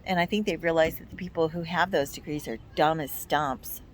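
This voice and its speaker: A woman's voice: low-pitched, fairly quick, slight background noise. An American woman in her fifties chatting casually and giving blunt, emphatic, complaining opinions. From United States. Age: 50s. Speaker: vlog co-host.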